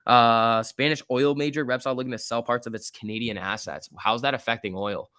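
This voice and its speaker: A man's voice: mid-range voice, steady tone, fairly quick, sharp tone, smooth, dry recording, clean studio sound. A man giving casual live market commentary as a stock trading streamer, reading out chat in slangy, repetitive bursts. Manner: informal slangy muttering to himself, repeats words.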